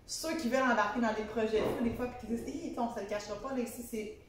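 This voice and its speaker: A woman's voice: fairly high pitch, fairly even intonation, fast talker. A woman with a Québécois French accent conducting a casual conversational interview as a fellow interior designer. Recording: very echoey room, distant mic, faint noise.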